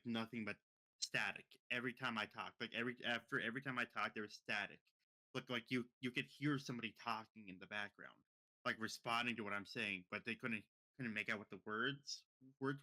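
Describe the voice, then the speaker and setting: Bright-voiced young man telling a story. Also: mid-range voice. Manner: rambling, many repeated words and restarts. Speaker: podcast co-host. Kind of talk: casual storytelling.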